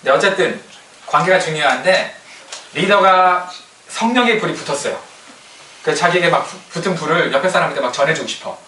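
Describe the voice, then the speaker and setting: A male pastor delivers a lively, conversational sermon in a forceful, bright voice set a little high. He is picked up from some distance in a roomy church hall, with faint ambience behind him. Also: fairly quick, slight background noise. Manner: lively, colloquial preaching with acted-out quotes.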